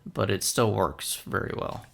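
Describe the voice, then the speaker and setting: A young man talks through a film in a relaxed, rambling way and fills every gap with hesitations. His low voice has a heavy gravelly fry. He sounds like someone making a casual commentary video. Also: measured pace. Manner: rambling, many fillers and hesitations. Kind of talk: casual film analysis monologue.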